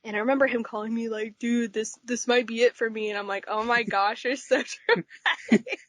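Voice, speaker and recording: A woman in her twenties from Texas, a podcast guest telling stories in an animated way, filling with "like" often. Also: on the high side, a little fast, dry recording. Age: 20s. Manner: animated storyteller, says "like" a lot. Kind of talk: casual chat.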